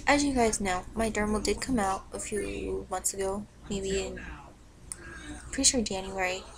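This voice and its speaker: Indoors in her bedroom, a teenage vlogger rants casually into her webcam, hyper and heavy on fillers, her voice low and rough from a cold. She keeps a steady tone and moderate pace. The built-in mic picks up a noisy mix of crowd sounds and the TV playing behind her.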